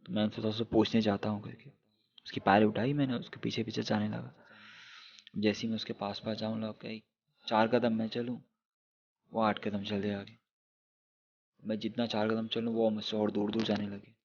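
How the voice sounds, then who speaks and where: A man's voice: fairly low pitch, little pitch movement, moderate pace, a little mellow, muffled recording. A young man telling a true horror story in a casual, chatty way, speaking straight to his viewers with lots of English fillers.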